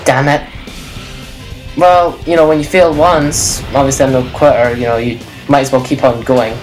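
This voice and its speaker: With a steady, moderately paced bass voice of darkish tone, a woman comments casually on a video game over faint game music. The recording is rough, and her chatty style wanders, with frequent self-corrections.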